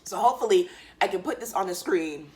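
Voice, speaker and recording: A woman's voice: mid-range voice, brisk. Casual woman chatting while eating. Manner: candid and relaxed, loose slang, frequent fillers. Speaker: vlogger. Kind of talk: casual chat to camera.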